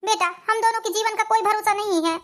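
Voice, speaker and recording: A woman's voice: very high voice, fairly even intonation, fast. A woman playing a worried, comforting middle-aged mother in a cartoon family drama. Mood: reassuring. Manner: comforting, calls everyone "beta".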